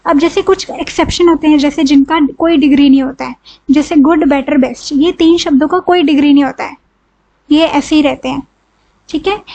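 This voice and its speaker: A woman's voice: high voice, steady tone, moderate pace, warm tone, muffled recording. A woman with an Indian accent teaching a grammar lesson, asking questions and answering them herself step by step. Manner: explains step by step, asks and answers her own questions, says "ठीक है" often.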